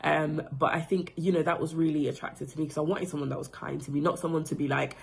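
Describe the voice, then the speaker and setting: Woman, 30s, from Congo, heavy vocal fry, casual testimonial, reflective. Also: low voice, fairly even intonation, quick pace, background noise. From Democratic Republic of Congo. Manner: reflective, loose phrasing with many fillers. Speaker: coaching client giving a testimonial.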